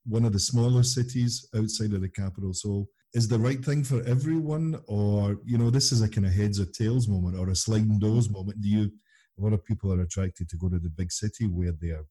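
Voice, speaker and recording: A man's voice: lowish voice, fairly quick, warm tone, husky. A man hosting a casual interview, chatting informally with his guest. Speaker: podcast host.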